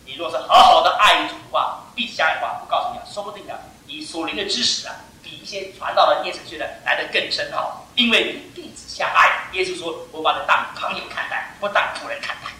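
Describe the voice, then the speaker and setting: An older man preaching a sermon to his church, emphatic and animated, pressing each point home with "I tell you.". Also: on the high side, fast talker, few pauses, a little hiss or hum. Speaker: pastor. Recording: echoey hall, mic far off.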